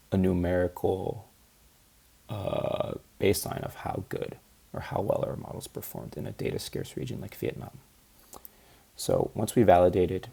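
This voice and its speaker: Man, very gravelly, raspy, tired, slightly slurred, practice talk. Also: deep voice, warm tone. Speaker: researcher presenting a project. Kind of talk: practice conference presentation.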